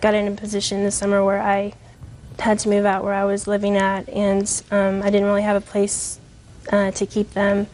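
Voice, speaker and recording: A woman in her twenties, testifying hesitantly in a courtroom and full of pauses. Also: medium pitch, monotone, a little mellow. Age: 20s. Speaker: plaintiff.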